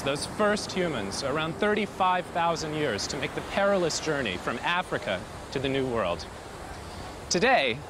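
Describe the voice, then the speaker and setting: A man presenting a documentary to camera outdoors at a crowded street festival, projecting his voice. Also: on the high side. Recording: loud crowd and street noise.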